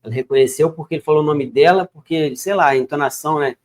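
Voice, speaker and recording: A man with a fairly high voice reads scripture aloud. He keeps stopping to add casual, conversational remarks before going back to the text. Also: fast. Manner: reads verses then comments in relaxed chatty asides. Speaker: bible reader. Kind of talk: casual bible reading with commentary.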